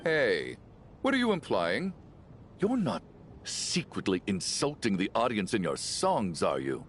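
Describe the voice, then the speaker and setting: A man's voice: low-pitched, sing-song, moderate pace, slight background noise. A man playing a blustering, suspicious, easily rattled man in a video game, with an exaggerated delivery. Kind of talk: animated game voice acting.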